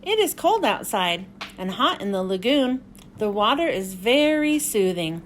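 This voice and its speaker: A woman host reading a storybook aloud for children in an expressive way. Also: mid-range voice, unhurried, slight background noise. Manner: expressive, clearly addressed to young children.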